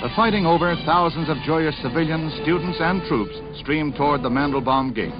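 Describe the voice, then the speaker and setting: A man narrates an old newsreel in a brisk, dramatic announcer's delivery. His voice sits a little high for a man and comes through muffled and lo-fi. Loud music plays underneath him the whole time. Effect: old newsreel recording. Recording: dull lo-fi newsreel sound with music behind.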